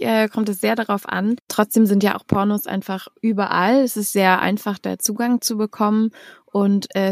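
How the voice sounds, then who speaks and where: Woman, young adult, podcast host, video call, friendly and chatty, middle pitch, dry sound. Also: creaky, dry recording. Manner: friendly, conversational, with fillers. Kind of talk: casual podcast interview over video call.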